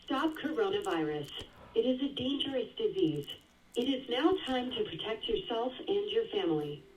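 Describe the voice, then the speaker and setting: A woman's recorded phone message, reading a scripted automated phone menu in a polite, measured, instructing way. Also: a little high, lively intonation, slight background noise. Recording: distant phone-line recording with music behind.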